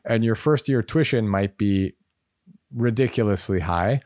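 A man's voice: lowish voice, a little slow, darkish tone, no room sound, clean studio sound. An American man, a medical school admissions advisor, answering interview questions in a conversational way with many fillers. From United States.

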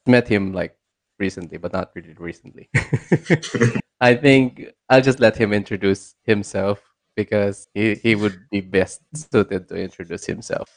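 A man with a fairly low voice hosts a podcast. His delivery is informal and conversational, addressed to listeners and a guest in plain everyday phrasing. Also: unhurried. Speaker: podcast host. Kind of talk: casual podcast hosting.

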